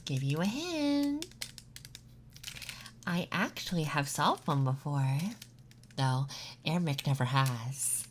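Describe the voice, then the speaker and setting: Close to an ASMR microphone, a content creator roleplays an emo femboy classmate who teases and flirts, unhurried and pausing often. The delivery is intimate, soft, breathy and frequently whispered, with an expressive medium-pitched voice and slight background noise.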